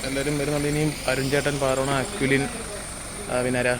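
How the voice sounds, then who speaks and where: With group chatter all around, a young man records a casual vlog of his road trip near a bus, teasing his friends and presenting each one to the handheld camera. He talks fairly quickly in a flat, medium-pitched voice over background noise.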